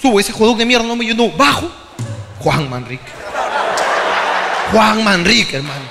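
A man with a Peruvian accent telling a comic story as a podcast host, animated and profane, often breaking into shouts. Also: high-pitched, moderate pace, gravelly, long reverb tail, slight background noise. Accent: Peruvian Spanish. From Peru.

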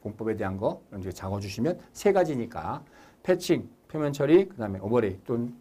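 A middle-aged man lecturing in a recorded class. His pitch swings up and down constantly. He scolds his students in a teasing way and acts out their inner thoughts. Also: big pitch swings, brisk, mellow, breathy edge. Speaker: exam-prep lecturer.

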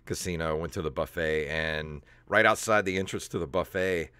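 A man's voice: sits low, normal speed, smooth, no echo. A man in his thirties hosting a podcast over a video call, telling casual stories with lots of laughter. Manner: animated storyteller, laughs often. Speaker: podcast host. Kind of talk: casual chat. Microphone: headset on video call.

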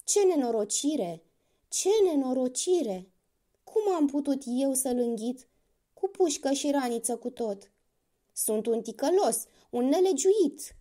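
Sly weepy crocodile guy done by a woman, big wailing swoops up high, mellow tone. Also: expressive. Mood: lamenting. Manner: wailing, theatrical lament. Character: sly weeping male crocodile, fake remorse.

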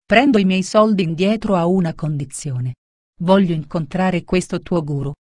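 A proud, hot-tempered merchant man from a storybook tale, read by a woman. The voice sits low and dry, close to the mic with no room sound, and carries sharp accusations and worried prayers. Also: moderate pace, dry recording, close to an everyday voice. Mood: humbled. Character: proud angry male merchant who loses his coins.

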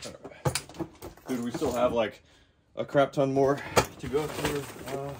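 A man's voice: mid-range voice, fairly even intonation, takes it slowly, background noise. A man giving casual commentary to himself as he digs through boxes in a cluttered storage locker. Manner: mutters to himself while digging through boxes. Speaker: reseller vlogger.

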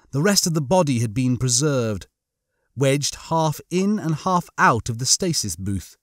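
A male narrator with a mid-range voice performs a comic science fiction audiobook theatrically, building suspense. The sound is clean studio quality, with no room sound.

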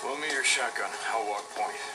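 A man voicing a gruff, weary American biker drifter in a video game, terse, gritty and profane. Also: mid-range voice, normal speed, close to an everyday voice. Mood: grim. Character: gruff, weary adult male biker drifter surviving an apocalypse. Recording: very noisy game capture, engine and ambience.

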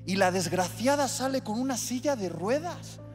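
Preacher in a reverberant hall. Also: male voice, extremely high pitch, expressive, normal speed. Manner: vivid storytelling with acted-out scenes. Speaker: pastor. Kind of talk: sermon. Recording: long hall reverb with soft music.

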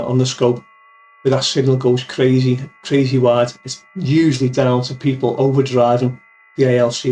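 In a small, cluttered home office, a middle-aged man who presents amateur radio videos talks viewers, whom he calls "guys," through a software demo step by step in a plain, casual manner. His mid-range voice is slightly mellow, picked up close by a boom-arm studio mic with a pop filter.

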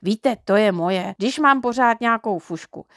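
Woman reading a storybook rascal boy, slow folksy drawl, a bit higher than her own, dry close sound. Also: fairly bright tone, dry recording, close to an everyday voice. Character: cheeky mischievous little boy, eager.

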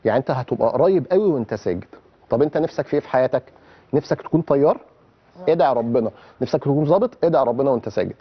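A man's voice: mid-range voice, expressive, rapid-fire, husky, muffled recording. A man with an Egyptian accent teaching children how to pray, quizzing and coaxing them with questions as he explains.

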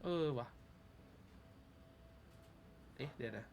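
A man's voice: rapid-fire, a little mellow, lo-fi sound, a little hiss or hum. A man from Thailand doing casual commentary on a mobile game, chatty and filling his talk with polite little add-ons as he reads the story aloud. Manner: chatty, constantly adds polite fillers.

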